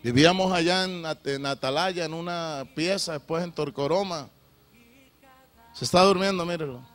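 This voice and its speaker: A middle-aged male preacher with a bright, forceful voice that sits a little high. He swings between fervent shouts and hushed, confessional passages. Faint music runs underneath. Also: normal speed. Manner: emotional preaching, swings from loud shouts to low confessional tones. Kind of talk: sermon.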